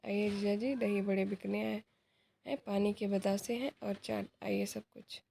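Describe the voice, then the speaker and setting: A woman's voice: mid-range voice, little pitch movement, a little slow, gravelly, warm tone, slight background noise. A woman reading aloud the part of a cheerful, indulgent young uncle in a play. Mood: teasing.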